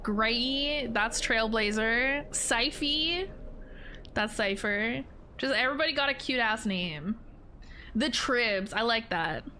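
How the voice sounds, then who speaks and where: A woman's voice: a little high, slow pace, sharp tone, slight background noise. A woman streamer giving casual, rambling reaction commentary on a video game, jokey and informal. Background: game music.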